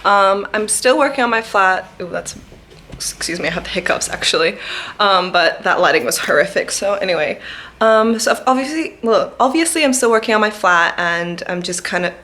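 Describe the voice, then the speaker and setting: A woman giving a casual vlog tour of her flat on a handheld camera, chatty and rambling with many fillers. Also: mid-range voice, a little fast. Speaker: vlogger. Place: flat, indoors. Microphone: handheld vlogging camera.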